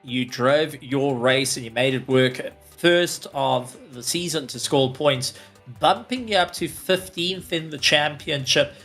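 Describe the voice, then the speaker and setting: A man interviewing drivers on a sim racing broadcast, asking questions in an upbeat, lively manner. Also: medium pitch, unhurried, soft background music.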